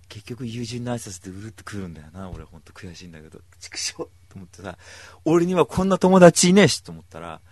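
A man telling stories in a casual monologue, animated, acting out other people's lines in voices. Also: lowish voice, gravelly, no room sound.

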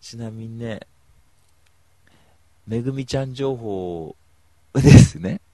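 Gravelly-voiced man rambling on the radio. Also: mid-range voice, slow pace, dry recording. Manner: rambling, emphatic, animated storytelling. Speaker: radio show host. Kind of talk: casual solo radio talk.

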